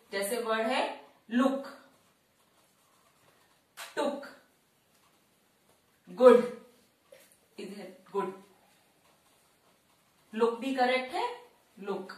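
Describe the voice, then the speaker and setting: A woman teaching shorthand in a slow, step-by-step tutorial, repeating each sound and word carefully. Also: a little high, recorded from a distance. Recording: very echoey room, voice off-mic.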